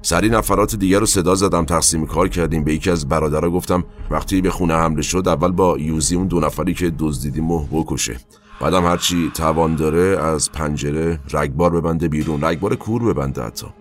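A man narrating his own past in a colloquial, halting way, with asides and trailing fillers, over faint background music. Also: extremely low pitch. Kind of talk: first-person spoken recollection.

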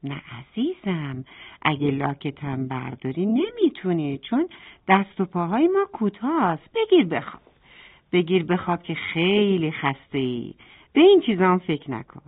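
A woman voicing a gentle, caring mother turtle in a bedtime story, soft and soothing. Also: on the low side, sing-song. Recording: tinny phone-like sound.

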